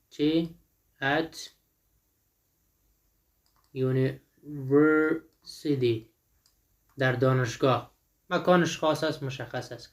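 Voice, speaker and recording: A man teaching an English lesson. He says each English word slowly, translates it, and answers his own questions to the class. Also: a little high. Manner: asks the listener questions and answers them himself. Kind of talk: explaining a textbook lesson.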